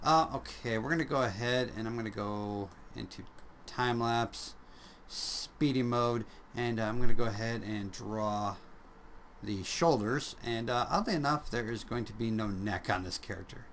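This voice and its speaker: A man's voice: mid-range voice, normal speed, a bit bright, a little hiss or hum. A man casually narrating a drawing tutorial, rambling and joking at his own expense. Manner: rambling, jokey, self-deprecating, chuckles often.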